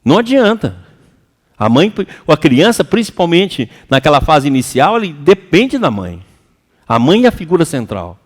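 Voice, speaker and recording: A man with a Brazilian Portuguese accent giving a lively, colloquial seminar lecture to an audience. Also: a little high, normal speed. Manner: animated and colloquial, acts out quoted voices. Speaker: seminar speaker. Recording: reverberant hall.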